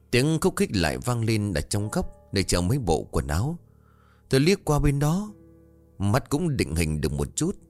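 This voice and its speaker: A man narrating a ghost story, voicing the characters himself with a raised pitch. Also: a little mellow. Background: faint music.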